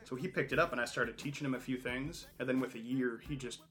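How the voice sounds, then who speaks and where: A man, a musician and beat producer, telling stories in a relaxed interview with easy laughs. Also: medium pitch, fast talker, soft background music. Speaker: guest rapper and producer. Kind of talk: casual interview answers.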